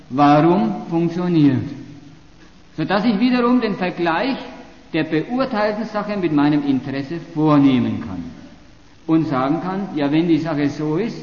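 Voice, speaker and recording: Male lecturer, fairly high voice, sarcastic and argumentative, dull lo-fi recording. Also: echoey room, long reverb tail. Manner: sarcastic, argumentative, restarts phrases. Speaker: university lecturer. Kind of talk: polemical lecture.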